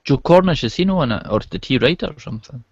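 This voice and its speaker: A man's voice: mid-range voice, animated, fast talker, husky, no echo, lo-fi sound. A man chatting casually about movies. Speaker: chat guest.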